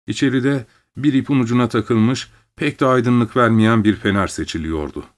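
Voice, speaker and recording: A man narrating a literary story in the first person, reading at a measured pace. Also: mid-range voice.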